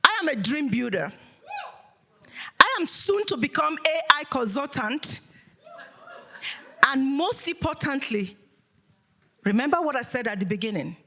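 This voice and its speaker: Woman from Africa, motivational keynote speaker, high and animated, preacher-like call and response. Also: unhurried, pauses often.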